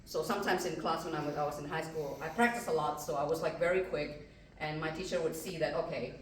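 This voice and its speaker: A middle-aged woman with an Indonesian accent, a mathematics professor on a panel, tells her story earnestly and chattily with plenty of ums and uhs. Her slightly low voice holds a steady tone at a fast pace. The mic is distant, in a strongly echoey room with faint background noise.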